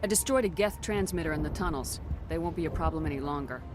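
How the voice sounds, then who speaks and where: Woman as Commander Shepard, brisk and direct. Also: sits low, over music, lightly acted. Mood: probing. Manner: businesslike, questioning, firm. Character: direct, composed female military commander.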